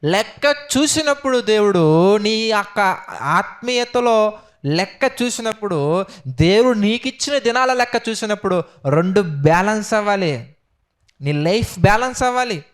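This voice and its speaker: Male preacher, fairly high and smooth voice, fervent sermon full of rhetorical questions. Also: expressive, moderate pace. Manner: rhetorical questions, swings between loud exhortation and quiet prayerful tones. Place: church.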